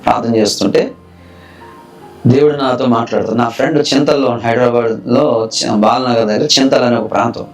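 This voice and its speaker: A man's voice: mid-range voice, steady tone, fairly quick, long pauses. A man from Andhra Pradesh giving an earnest, emotional personal testimony of his conversion. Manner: earnest, emotional retelling with acted quotes. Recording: distant mic with soft background music.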